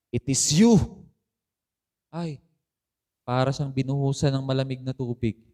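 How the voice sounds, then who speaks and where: In a church, a pastor delivers a sermon as a story, his emphasis rising in bursts and English phrases mixed in. His voice is fairly high and a little mellow.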